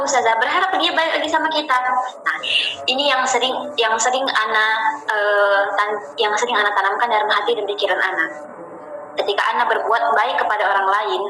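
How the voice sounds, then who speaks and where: A woman teaching an informal Islamic study session in a gentle way, often repeating phrases and speaking directly to her listeners as friends. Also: mid-range voice, a little hiss or hum. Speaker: ustadzah leading a religious study session. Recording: roomy sound with music playing behind.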